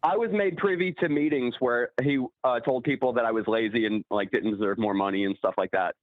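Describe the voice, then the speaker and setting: A man's voice: mid-range voice, a little fast, dry recording. A man calling in to a radio show, talking in a laid-back, hesitant way with lots of fillers. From Pittsburgh area. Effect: phone line. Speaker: caller. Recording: tinny dry phone line.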